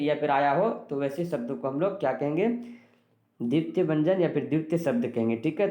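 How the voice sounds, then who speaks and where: A man's voice: a little high, dark tone, reverberant. A male teacher giving an exam-prep grammar lesson, asking and answering his own questions with frequent "ठीक है".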